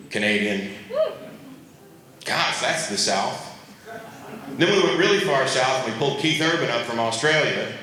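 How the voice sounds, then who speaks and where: A man argues his side of a debate with a wry, sarcastic edge. His voice is bright and forceful. The sound is very echoey, as if picked up in a large convention hall. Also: on the high side. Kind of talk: comic live debate speech.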